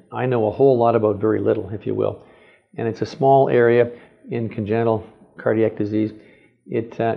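Hesitant older man with a gravelly voice. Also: fairly low pitch, lo-fi sound. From Canada. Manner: hesitant, many fillers and restarts. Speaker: pediatric heart surgeon. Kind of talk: profile interview. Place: clinic exam room, indoors. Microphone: lapel mic.

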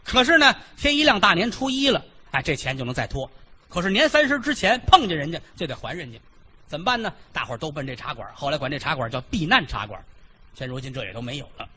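A man's voice: a little high, sing-song, fast talker, bright, forceful tone. A man doing solo comic storytelling, chatty and digressive with vivid detail.

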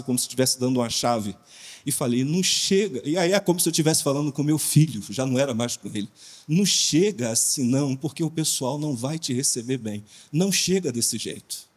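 A Brazilian man, a pastor speaking on a conference panel, telling a story in a lively, informal way with slang. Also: fairly high pitch. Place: conference hall. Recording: long hall reverb.

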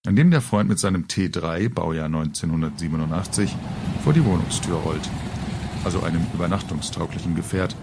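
Heavy background noise surrounds a middle-aged man's low voice as he reads, fairly quickly, a humorous story he wrote himself. He tells it in a wry, colourful, audiobook-style manner.

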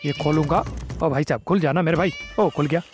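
A young man hosting a gaming channel, giving excited, teasing gameplay commentary full of playful taunts. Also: on the high side, a little fast.

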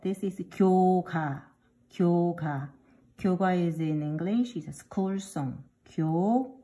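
A woman teacher giving a beginner language lesson, slowly drilling syllables and repeating each word aloud. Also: lowish voice, warm tone. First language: Korean. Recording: dull lo-fi recording.

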